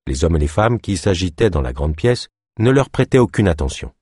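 A man reading a thriller novel aloud as narrator, expressive storytelling. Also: deep voice, brisk, breathy edge, dry recording, studio quality. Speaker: audiobook narrator. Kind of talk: scripted narration.

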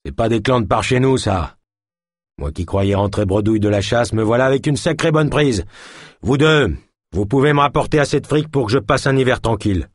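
A man voicing a crude, menacing hunter who talks slowly and threatens, in an audiobook. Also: mid-range voice, lively intonation, no echo, clean studio sound, lightly acted. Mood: mocking. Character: bearded hunter, gruff, menacing, coarse. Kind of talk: audiobook character voice.

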